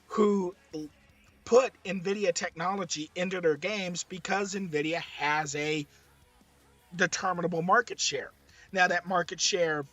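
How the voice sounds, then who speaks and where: A man presenting tech commentary with a hoarse, strained voice that is giving out, stressing his points by repeating them. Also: high voice, fairly bright tone. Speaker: streamer, presenter. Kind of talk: slide-based tech commentary.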